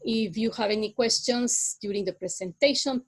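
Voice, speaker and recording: A middle-aged woman from Guatemala City, a native Spanish speaker with a Guatemalan accent, giving an online guest lecture in a halting way with many "uh"s. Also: a little high, poor audio. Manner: halting, many filler sounds.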